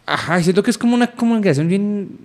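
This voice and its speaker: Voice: medium pitch, animated, fast, a little mellow. A speaker in a casual chat, talking hesitantly with many restarts.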